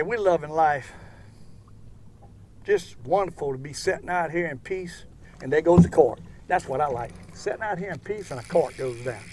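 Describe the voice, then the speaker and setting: An older man with a high-pitched voice and a Southern US drawl talks in a folksy, rambling way. He sounds like he is hosting a casual fishing video from a boat, with faint outdoor water noise behind him. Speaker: fishing show host.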